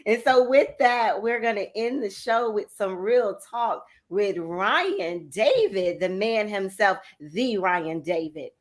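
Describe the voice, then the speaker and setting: A woman hosting a talk show, chatting in a lively, casual way with her guests. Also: medium pitch, slow pace, hardly any pauses.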